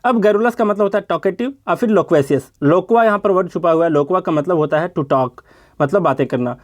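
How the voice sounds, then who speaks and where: A man's voice: high voice, fairly quick. A man teaching an exam-prep vocabulary lesson, explaining step by step, repeating words and asking rhetorical questions.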